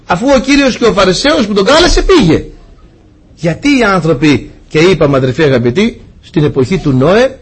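A man's voice: a little high, breathy edge. A middle-aged man giving a sermon to his congregation, preaching with energy and laughing at his own stories.

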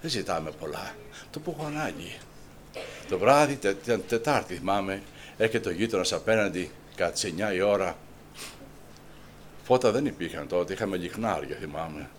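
An older man from Greece preaching an emotional sermon, swinging from hushed prayer to loud cries. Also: low voice, expressive, slight background noise.

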